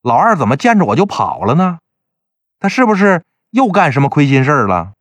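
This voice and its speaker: A soothing, coaxing elder brother and husband, voiced by a male storyteller. His pitch rises a little and moves lively in a dry, close recording. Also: fairly quick, dry recording. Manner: coaxing, questioning.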